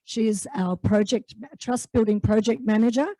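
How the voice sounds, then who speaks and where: A woman's voice: mid-range voice, fairly even intonation, normal speed, mellow, no echo, low-quality recording. A woman with an Australian accent hosting an evening event in a large room, speaking enthusiastically with many fillers. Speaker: host and executive officer.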